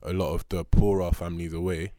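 A man's voice: low-pitched, flat delivery, quick pace, dark tone, dry recording. A young man with an urban London roadman accent, chatting casually and slangily as a podcast co-host, with plenty of banter. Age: young adult. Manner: slangy, bantering, addressing listener as bro.

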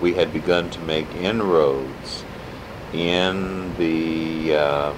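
Halting older man reminiscing, very deep voice. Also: fairly even intonation. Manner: halting, deliberate reminiscing with long pauses. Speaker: interviewee, civil rights activist. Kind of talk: oral history interview, reminiscing. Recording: noisy tape with low rumbling hum.

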